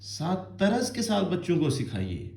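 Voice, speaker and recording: A man's voice: high voice, wildly swooping pitch, darkish tone, reverberant. A man teaching children Quran reading, patiently explaining and stretching out each letter sound in melodic recitation. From Azad Kashmir, Pakistan.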